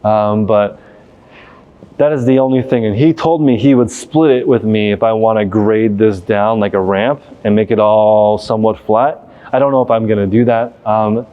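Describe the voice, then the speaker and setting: A man's voice: fairly low pitch, steady tone, moderate pace, smooth, lo-fi sound. A man speaking casually and off the cuff as a vlog host, walking through a large empty warehouse. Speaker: vlog host, reselling business owner. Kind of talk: casual unscripted walk-through tour.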